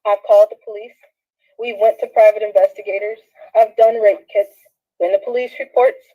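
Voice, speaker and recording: Talking fairly quickly in a steady, mid-range voice, this woman in her thirties from Southern California rambles to the camera in slangy, emotional vlog style. She's shaky and laughs through tears, and the phone recording sounds dull and lo-fi.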